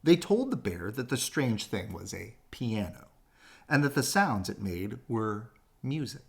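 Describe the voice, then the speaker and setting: In a creaky, mid-range voice, a man reads a children's story aloud as expressive bedtime narration, with dramatic, drawn-out phrasing.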